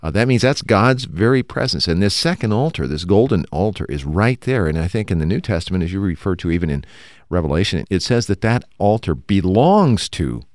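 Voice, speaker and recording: A man's voice: deep voice, sing-song, a little fast, no room sound, clean studio sound. A man co-hosting a Bible discussion show, explaining points thoughtfully with occasional fillers. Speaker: radio show co-host.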